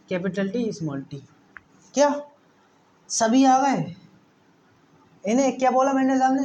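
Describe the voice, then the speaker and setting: A man's voice: high voice, darkish tone, highs cut off, a little hiss or hum. A man teaching a science lesson, often repeating words and asking the class questions. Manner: repetitive, asks the class questions.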